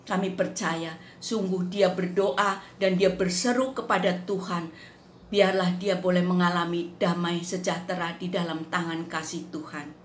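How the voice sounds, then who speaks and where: A woman telling a faith testimony in an unhurried, earnest devotional manner. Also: on the low side, steady tone. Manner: unhurried, earnest storytelling that acts out quotes. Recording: roomy echo with faint background noise.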